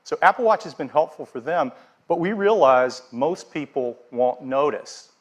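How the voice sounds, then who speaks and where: A middle-aged man presenting products on a large theater stage in a steady, scripted keynote delivery. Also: a little high, normal speed, highs cut off.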